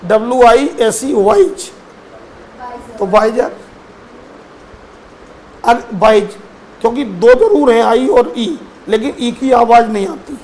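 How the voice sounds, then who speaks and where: High-voiced male teacher, slow and coaxing. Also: lively intonation, a little mellow, rough recording. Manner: addresses students as children, asks them questions. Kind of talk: classroom lesson on English grammar.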